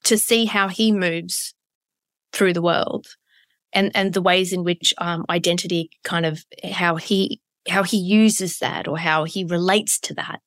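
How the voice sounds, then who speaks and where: A woman's voice: lowish voice, fairly even intonation, a little slow, a bit bright, no echo. A woman speaks with a broad Australian accent in a dry, close recording. She is candid and emphatic, often stacking up near-synonyms as she reflects in an interview. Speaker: interview guest.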